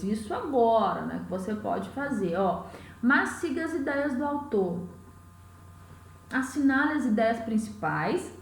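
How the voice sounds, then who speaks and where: A woman's voice: a little high, slight background noise. A woman from Goiás with a Goiás accent, teaching an exam-prep class step by step and often checking in with "né?" and "tá?". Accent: Goiás Brazilian Portuguese. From Goiás, Brazil. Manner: explains step by step, often asks "né?" and "tá?". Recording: echoey room, mic at a distance.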